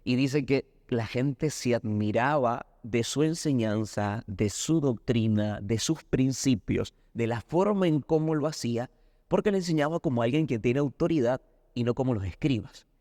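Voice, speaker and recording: Colombian male pastor, mellow tone, earnest teaching, dry studio sound. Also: mid-range voice, normal speed, dry recording. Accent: Colombian Spanish. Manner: earnest teaching, acts out anecdotes. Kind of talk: Bible lesson discussion.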